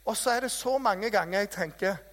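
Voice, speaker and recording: A man preaching a sermon in a church hall, telling stories in a lively, self-mocking way. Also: high voice. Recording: reverberant hall.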